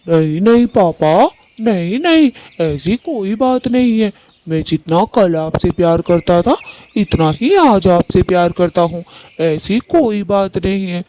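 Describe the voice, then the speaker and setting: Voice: medium pitch, animated, unhurried, mellow, a little hiss or hum, lightly acted. A performer voicing a dutiful young male bird son in a cartoon, who speaks in an earnest, pleading way.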